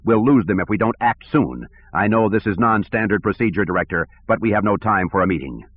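A man's voice: on the low side, lively intonation, brisk, slight background noise, lightly acted. A man voicing a blunt male soldier captain who speaks in a firm, clipped way. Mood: urgent. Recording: tinny phone-like audio.

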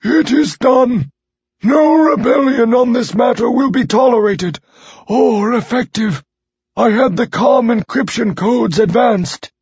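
A shrill, domineering male alien leader who speaks slowly and with cold authority. His high voice is breathy and husky. The sound is dry and dull. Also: dry recording, full character voice. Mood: cold, commanding. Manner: commanding, shrill when shouting.

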